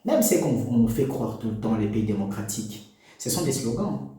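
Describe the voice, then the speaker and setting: This time the Congolese commentator's mid-range voice has a dark tone and turns very animated, though his speed stays normal. He addresses parents to camera from an echoey room, preaching and exhorting with rhetorical questions. His first language is a Congolese national language.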